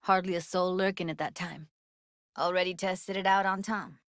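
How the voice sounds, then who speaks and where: This actress has a lowish, slightly bright voice with a steady tone and moderate pace, recorded dry and clean in a studio. She voices a guarded, tough young woman tech expert in a cyberpunk game, her talk clipped, slangy, casual and wry. The isolated voice lines sound natural and matter-of-fact.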